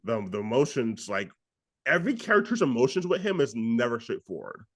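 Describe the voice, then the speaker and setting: A man's voice: mid-range voice, a little fast. A young man co-hosting a podcast, retelling a film scene in a rambling casual way, leaning on "like" constantly. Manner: rambling, heavy use of "like", animated retelling. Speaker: podcast co-host.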